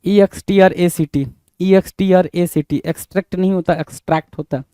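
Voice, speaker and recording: Male tutor, higher voice with a mellow tone, spells words slowly and repeats them, recorded dry and close. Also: steady tone, clean tone, no room sound. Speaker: teacher. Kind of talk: exam-prep spelling lesson.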